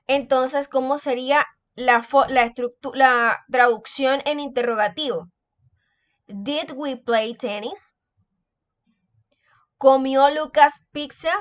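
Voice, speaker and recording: High-voiced woman teaching slowly. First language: Spanish. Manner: reads English examples slowly, then translates them. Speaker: English teacher. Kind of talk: slow explanatory grammar lesson.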